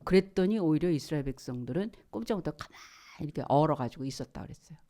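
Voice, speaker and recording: A woman pastor preaching a sermon in a church. She talks in an animated way, acts out the voices of people in her examples, and drops to a hushed near-whisper for emphasis. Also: deep voice, quick pace.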